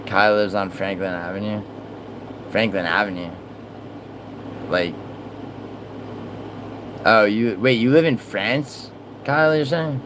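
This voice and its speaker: A man's voice: on the low side, slow pace, long pauses, noisy background. A man hosting a casual livestream, chatting with viewers and swearing often as he rambles and trails off mid-sentence. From born in Italy, raised in New York. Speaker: livestream host. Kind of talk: casual livestream chat, reading viewer messages.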